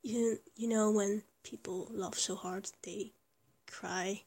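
A woman's medium-pitched, darkish voice moves slowly with fairly even intonation, all in a breathy whisper. The clip is tender, whispered intimate roleplay in which she plays a small, affectionate young lover, stammering, rambling and giggling.

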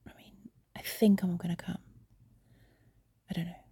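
A young adult woman whispering softly and confidingly into a phone while lying in bed. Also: on the low side, level tone, no room sound. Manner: soft breathy whisper, unhurried and confiding. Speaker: amateur audio creator. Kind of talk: whispered intimate audio diary. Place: in bed, lying on her side. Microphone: phone held close.

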